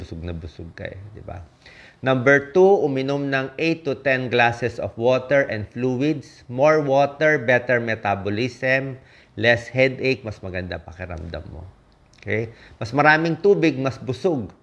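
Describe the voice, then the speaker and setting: The recording is muffled, and the speaker, a doctor from the Philippines, has a mid-range, slightly bright voice. In a casual, emphatic way he gives health tips as punchy lists, checking in with listeners through repeated "di ba?"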